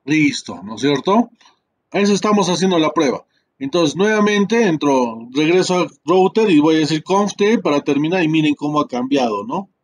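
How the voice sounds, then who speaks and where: A man's voice: a little high, expressive, moderate pace. A man teaching a class through a screen-share tutorial, talking in a chatty way with many fillers and tag questions.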